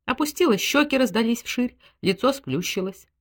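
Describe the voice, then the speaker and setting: A woman's voice: a little high, animated, moderate pace. A woman reading a literary story aloud as an audiobook narrator, telling it expressively. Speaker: audiobook reader. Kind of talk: scripted narration.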